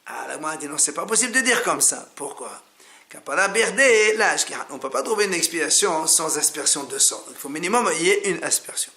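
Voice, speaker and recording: Guy teaching talmud, talks right to you, goes over each step again, bright voice. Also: fairly high pitch, lively intonation, a little fast. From France. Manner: explains step by step, repeats key words, addresses the listener as tu. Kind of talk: Talmud class explanation.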